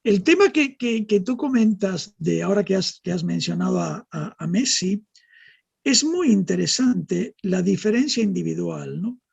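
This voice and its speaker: A middle-aged man from Argentina with an Argentine accent softened by years in Spain, explaining things in a measured way and often adding tag questions as an interview guest. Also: sits high, expressive, gravelly, slightly rough. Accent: Argentine, softened by decades in Spain. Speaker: guest neurologist. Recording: dull, muffled audio.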